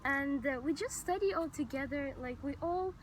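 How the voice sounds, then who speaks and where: A young woman from Estonia talks casually into her camera while sitting outdoors. Her voice sits a little high, and she is eager and chatty, full of "like" and "um". A faint outdoor ambience hums behind her. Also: normal speed, noisy background. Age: young adult. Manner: chatty and enthusiastic, with many fillers. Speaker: vlogger. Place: outdoors on grass, sitting on a stone.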